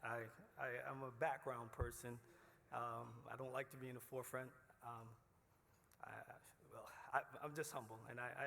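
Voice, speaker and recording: Barbadian man, award acceptance speech, halting and earnest, mid pitch, reverberant hall with faint noise. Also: creaky, sharp tone. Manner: halting, repeats himself, earnest. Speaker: award recipient. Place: hotel banquet room.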